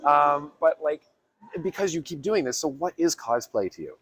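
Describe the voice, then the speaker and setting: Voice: medium pitch, expressive, moderate pace, fairly bright tone, breathy edge, no echo. An enthusiastic, rambling interviewer hosting a casual on-site chat at a fan convention, often repeating words. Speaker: interviewer, YouTube host.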